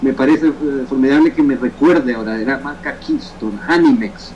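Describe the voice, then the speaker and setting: A man in his fifties from El Salvador with a Salvadoran Spanish accent, speaking as an interview guest in a reflective, halting way with frequent restarts. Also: mid-range voice, darkish tone, highs cut off, a little hiss or hum. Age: 50s. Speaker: guest, photographer and poet. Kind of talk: remote interview conversation.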